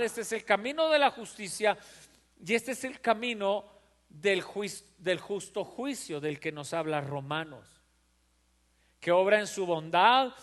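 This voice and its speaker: A man's voice: high voice, a bit bright. A man preaching a sermon as pastor, fervent and repetitive, acting out voices in his stories. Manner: fervent, repeats phrases for emphasis. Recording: long hall reverb.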